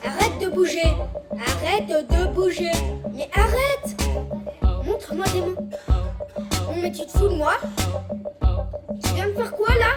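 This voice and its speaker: A woman actor on stage playing a strict parent who scolds a child with bossy, sarcastic commands. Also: very high voice. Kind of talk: stage acting. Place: theatre stage.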